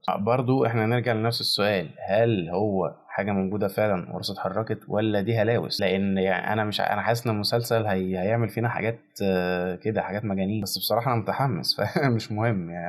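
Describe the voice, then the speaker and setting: A young man with an Egyptian accent gives a casual trailer reaction, excitable and joking, scolding the characters on screen. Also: on the low side, racing. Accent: Egyptian Arabic.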